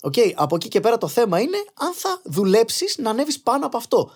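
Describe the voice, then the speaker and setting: A young man in casual podcast conversation, arguing his points with animated energy and slipping in English phrases. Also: very high voice. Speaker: podcast guest.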